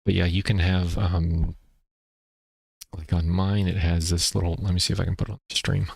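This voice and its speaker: A man streaming a video game, talking in a rambling, casual way with a deep voice and explaining things between plays. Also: flat delivery, normal speed, creaky, a little mellow, breathy edge, dry recording, studio quality. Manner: rambling, explains while playing, many fillers. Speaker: gaming streamer. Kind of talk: casual gameplay chat. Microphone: streaming microphone.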